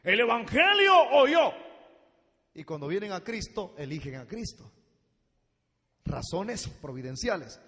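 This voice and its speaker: A male pastor preaching a sermon in an animated style, swinging from low asides to loud shouts and calling his listeners brother and daughter. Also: unhurried, pauses often. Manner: addresses the congregation directly as brother and daughter. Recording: long hall reverb.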